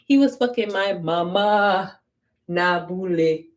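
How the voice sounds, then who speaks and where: A woman livestreams from home on her phone mic, chatting casually while doing her hair. Her voice sits lowish and she takes it slowly, talking bluntly, swearing freely, and repeating her lines.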